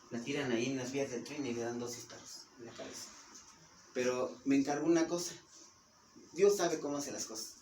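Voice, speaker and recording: A man with a Mexican Spanish accent preaches a sermon, stopping often to put questions to his congregation. He is picked up from a distance, so his voice comes through a roomy church hall with some noise in the background. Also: medium pitch. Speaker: pastor.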